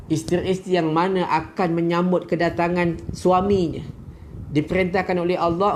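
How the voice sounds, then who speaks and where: A man's voice: sits high, slight background noise. A middle-aged man with a Malaysian Malay accent gives an earnest religious lecture, as a religious teacher and pilgrimage guide, sprinkled with pious exclamations.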